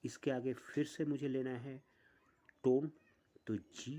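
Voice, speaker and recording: A man teaching an online music lesson, explaining step by step with pauses. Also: medium pitch, little pitch movement, mellow.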